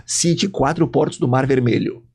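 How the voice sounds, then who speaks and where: A Brazilian man with a Brazilian Portuguese accent, a podcast guest telling lively anecdotes and acting out the dialogue. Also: mid-range voice, normal speed, husky. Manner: animated storyteller, acts out dialogue in voices. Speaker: guest, logistics sales executive. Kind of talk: casual podcast interview storytelling.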